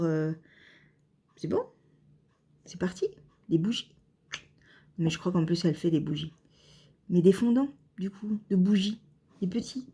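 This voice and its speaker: Woman vlogging about knitting, slow easygoing talk, lots of ums, soft warm tone. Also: lowish voice, creaky, breathy edge. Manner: hesitant, many fillers, chatty. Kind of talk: casual vlog chat.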